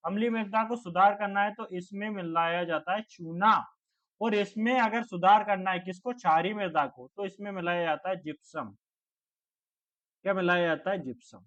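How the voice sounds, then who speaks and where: High-voiced teacher drilling exam answers. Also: male voice. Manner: joking, scolding asides to students, repeats questions. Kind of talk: online exam-prep lecture. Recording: dull lo-fi audio.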